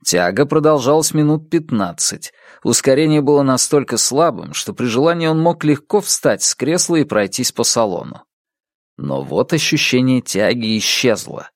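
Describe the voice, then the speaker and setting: A man reads an audiobook aloud with expressive, measured narration. His voice sits at a middle pitch and moves in a lively way. The recording is close and dry, with no room sound. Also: no room sound. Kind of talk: scripted narration.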